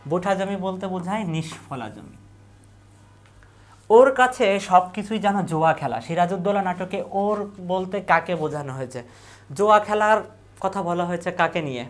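A woman teacher with a Bangladeshi Bengali accent, leading an exam revision lesson, asking questions and repeating the answers slowly. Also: fairly low pitch, lively intonation.

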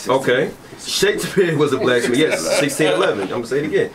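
A man preaching forcefully in a heated street debate, repeating and pressing his points. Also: on the high side, expressive, fast talker, crowd noise.

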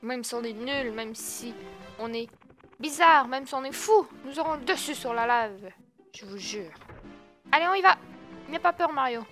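A young woman talks through her gameplay in a high, bright voice, yelping when things go wrong and scolding the character on screen. Game music plays clearly underneath her commentary. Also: expressive, normal speed. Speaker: let's play gamer. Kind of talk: excitable gaming commentary.

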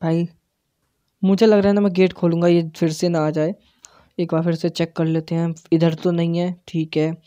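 Guy doing jumpy horror game commentary, mellow tone, dry close sound. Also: fairly high pitch, moderate pace, no room sound, dull audio. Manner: tense, excitable play-by-play mixing in English words. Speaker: gaming channel host. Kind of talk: live gameplay commentary.

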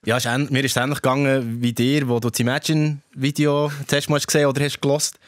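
Swiss German male guest, rapid and rambling, mid-pitched voice. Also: little pitch movement, dry recording, studio quality. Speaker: podcast guest. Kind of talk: casual football chat.

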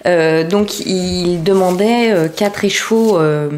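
A woman hosts a relaxed crafting podcast with a fairly low voice. She talks in a chatty, meandering way, full of small hesitations. A faint hiss sits under the recording. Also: slow. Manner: chatty, many hesitations and fillers, showing items to camera. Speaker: podcast host. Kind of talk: casual knitting and sewing podcast chat.

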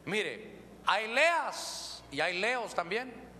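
A male pastor with a Honduran accent, preaching a lively, joking sermon and calling listeners brother. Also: sits high, drawn-out words. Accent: Honduran Spanish. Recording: reverberant church hall, faint noise.

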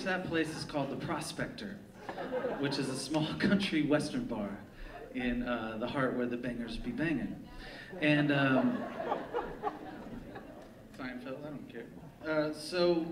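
Wry man telling stories on stage. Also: mid-range voice. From Long Beach, California. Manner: wry, deadpan, profane humor. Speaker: storyteller, poet. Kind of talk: live comic storytelling. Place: theater stage before a live audience. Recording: echoey theater, distant mic, crowd laughter.

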